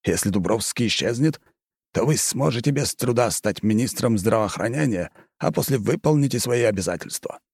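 A male audiobook reader voicing a lecherous, scheming marquis with a smooth, pompous manner. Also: mid-range voice, animated, moderate pace, darkish tone, dry recording, studio quality, voice pushed up. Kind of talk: audiobook character reading.

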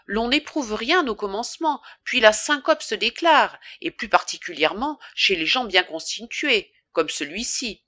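A woman's voice: mid-range voice, lively intonation, normal speed, hardly any pauses, pushed and bright, voice pushed up. A woman voicing a flustered country doctor, a man, who calls out in alarm. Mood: grave. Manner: alarmed, calling out.

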